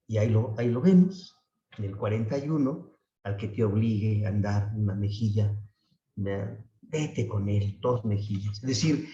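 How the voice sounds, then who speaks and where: Male priest, homily delivery, conversational tag questions; distant, dull, roomy church recording. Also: dark tone. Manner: peppers phrases with tag questions, acts out complaints in a high voice. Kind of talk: sermon.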